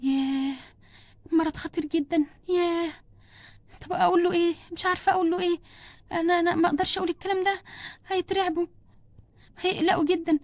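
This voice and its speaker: A woman voicing a hesitant female doctor with an Egyptian accent, halting and soothing as she breaks bad news. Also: very high-pitched, steady tone, darkish tone, no echo. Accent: Egyptian Arabic. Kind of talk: doll play storytelling.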